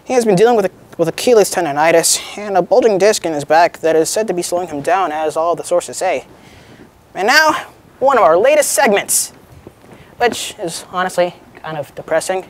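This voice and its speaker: A teenage female student anchor reading a mock newscast script in an informal, halting way with chatty asides. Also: on the low side, lively intonation.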